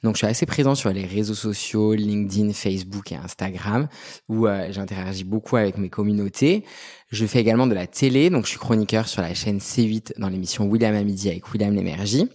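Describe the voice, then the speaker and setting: A man in his thirties from Brittany, France, a pet specialist who heads an agency, chats as an interview guest with lots of fillers and restarts. His voice is fairly low and warm, and he talks fairly quickly in a casual way.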